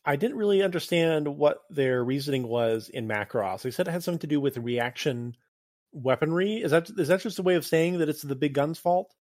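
A man co-hosting a podcast in casual chat, animated and joking, quick to laugh. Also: a little high, no room sound, studio quality. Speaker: podcast co-host.

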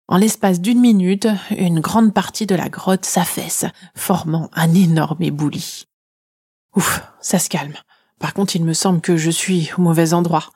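A woman telling a first-person adventure story in an expressive way, sometimes dropping to a whisper. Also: fairly low pitch, breathy edge.

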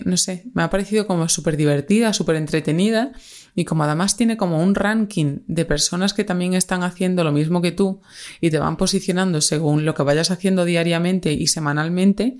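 A woman's voice: fairly low pitch, darkish tone. A young woman from Spain with a Spanish accent, talking casually and at length in a solo podcast, with lots of fillers and self-corrections. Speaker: podcast host.

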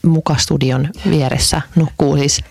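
A woman in her forties co-hosting a casual chat podcast, keeping her voice low and hushed in a makeshift home studio. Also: steady tone, vocal fry, no room sound. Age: 40s. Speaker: podcast co-host.

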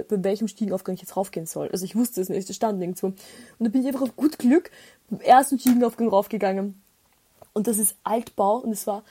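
A woman's voice: on the high side, warm tone, slightly rough. A young woman chatting casually as a podcast host, rambling through a story with many fillers.

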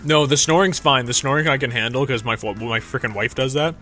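A man's voice: medium pitch, a little fast, sharp tone, faint music behind. A young man hosting a podcast, telling rambling, profane stories in casual chat into a studio mic. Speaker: podcast host. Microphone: studio mic through a mixer.

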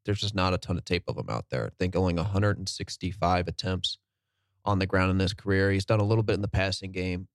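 A man co-hosting a casual sports podcast, relaxed and sprinkling in "like" as he reels off stats. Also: low-pitched, fast talker, no room sound, clean studio sound. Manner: relaxed, fills with "like", lists stats. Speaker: podcast co-host.

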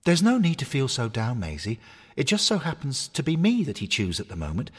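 A man's voice: medium pitch, huge pitch swings, brisk, breathy edge, long reverb tail, pitched above the performer's own voice. A man voicing a cheerful male hornet mascot toy who talks in an earnest, coaxing way. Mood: encouraging. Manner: earnest, coaxing pep talk.

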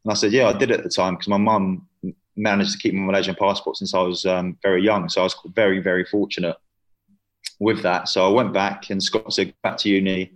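A man's voice: sits low, little pitch movement, brisk. A young man in his twenties, chatting casually as an interview guest, full of fillers. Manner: chatty, lots of fillers and "you know".

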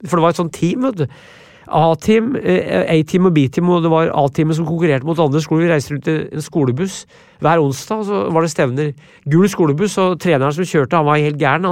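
A man from tells stories at a podcast, rambling and blunt and often repeating himself. His voice sits a little high for a man. The sound is close and dry. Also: dry recording. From Brumunddal, Norway. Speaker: podcast guest, author. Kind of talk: casual storytelling in interview.

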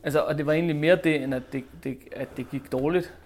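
A man with a Danish accent, chatting backstage and reassuring his co-host with hesitant, gentle feedback. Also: on the high side, fairly even intonation. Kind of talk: backstage chat.

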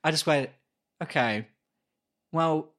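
Man, podcast co-host, slightly high voice, animated storytelling, swears freely. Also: slow pace. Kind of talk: casual chat, storytelling.

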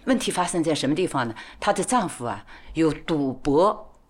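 A woman lawyer recalling her cases in an interview, talking deliberately with many filler particles. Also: sits low, expressive. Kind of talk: interview recollection.

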